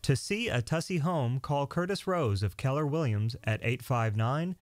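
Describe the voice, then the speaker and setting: A man announcing a scripted promotion in a steady, clear delivery. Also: medium pitch, normal speed, dry recording, studio quality.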